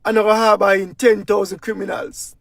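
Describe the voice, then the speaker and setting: A man's voice: sits high, flat delivery, moderate pace, gravelly, fairly bright tone, no echo, studio quality. A man with a Jamaican accent delivering an impassioned political commentary rant in heavy patois, full of rhetorical questions.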